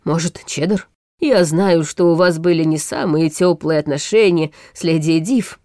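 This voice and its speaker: A tired old chancellor from an audiobook, read by a woman, hesitant and gloomy, near to tears. His voice sits rather low, and the recording is dry and close. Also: moderate pace, warm tone, no echo, close to an everyday voice. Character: weary, anxious older male chancellor.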